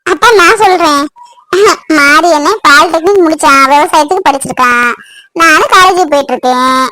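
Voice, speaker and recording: A woman voicing a young college-going daughter in an animated family drama, chatty and teasing. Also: high voice, normal speed. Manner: lively storytelling, teasing.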